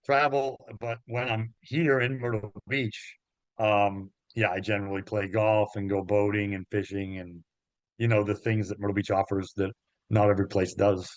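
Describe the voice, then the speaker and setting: A man who works as a golf travel agent, talking in a relaxed, halting way with many ums as an interview guest. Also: fairly low pitch, no echo. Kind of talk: interview conversation. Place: Myrtle Beach area.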